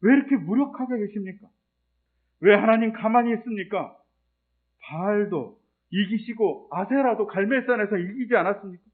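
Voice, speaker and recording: Elijah, as a preacher puts him on: a raised, accusing prophet. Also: male voice, high voice, moderate pace, pitched above the performer's own voice, close to an everyday voice. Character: exhausted indignant male prophet complaining to God. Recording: tinny phone-like sound.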